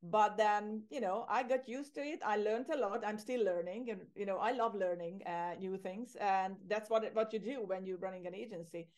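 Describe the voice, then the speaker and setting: A woman's voice: mid-range voice, moderate pace, few pauses. A middle-aged woman, talking casually as a podcast guest, laughing easily and often restarting her phrases. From Hungary. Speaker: podcast guest, agency owner. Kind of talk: casual interview conversation.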